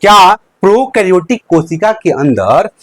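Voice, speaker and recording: A young male teacher gives a live online lesson. His voice sits high and swings widely up and down. He poses questions, answers them himself, and repeats each key term, all in a dry, close room. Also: very animated, unhurried, dry recording. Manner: uses a handkerchief as a prop.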